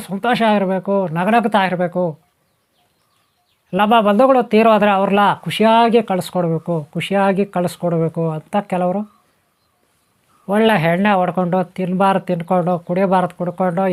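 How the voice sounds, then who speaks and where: Man, high voice, spiritual talk, repetitive, rhetorical questions. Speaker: spiritual teacher. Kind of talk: spoken talk on spiritual topics.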